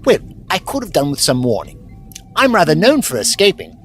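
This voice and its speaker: An actor playing an eccentric, unflappable time-travelling adventurer with a wry, theatrical, nonchalant manner in an audio drama. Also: male voice, fairly high pitch, huge pitch swings, fairly quick, fairly bright tone, faint music behind. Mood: wry, chatty.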